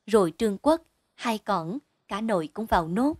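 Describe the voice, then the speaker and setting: A woman reading a short story aloud as an audiobook narrator, in a steady, measured storytelling manner. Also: medium pitch, no echo, studio quality.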